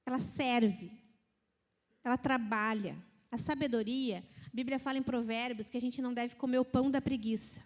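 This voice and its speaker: High-pitched Brazilian woman preaching to women, animated and mimicking, recorded with a long church-hall echo. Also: moderate pace. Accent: Brazilian Portuguese. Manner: lively, mimics complaining voices. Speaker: women's ministry speaker. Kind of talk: casual sermon to a women's group.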